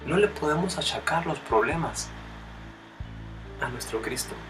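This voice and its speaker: A fervent male preacher whose throat sounds strained. He calls the listener brother and builds into loud, emphatic bursts. He is picked up from a distance, with faint music underneath. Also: on the high side, animated, measured pace. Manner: addresses the listener directly as brother. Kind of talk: sermon.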